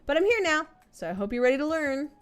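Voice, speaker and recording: A woman's voice: sits high, sing-song, quick pace, faint music behind, pitched above the performer's own voice. A woman voicing a small, tired male dog who is a fussy, polite professor lecturing his students in a game. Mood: apologetic.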